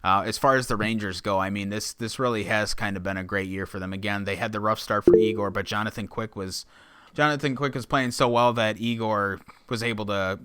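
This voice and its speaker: A man's voice: lowish voice, fairly bright tone, clear, resonant tone, no echo. A man co-hosting a casual sports podcast, laying out points and steering the talk. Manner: steers the conversation, lays out points. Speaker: podcast co-host.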